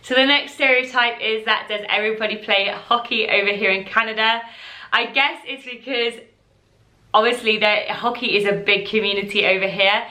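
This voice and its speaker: English woman, 20s, vlogger; chatty, bright tone, echoey room. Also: fairly high pitch, fairly even intonation, moderate pace, a little hiss or hum. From England. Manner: chatty, talks straight to her viewers. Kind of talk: casual reaction commentary.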